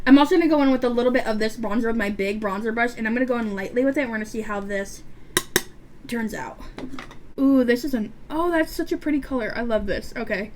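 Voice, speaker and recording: A beauty vlogger of about twenty chats casually while doing her makeup, talking fast in a voice on the high side. She has a stutter and a lisp, rambles, and often restarts or uses fillers. There's a little hiss or hum in the audio.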